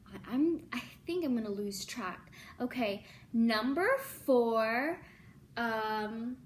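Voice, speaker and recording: A young woman in her twenties talks to her viewers in a relaxed, unhurried way, her voice sitting a little high. She fills her sentences with ums and likes and perks up when something excites her. Faint room noise hums under the recording. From born in Libya, Filipino. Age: 20s. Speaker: YouTuber. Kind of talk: casual facts vlog.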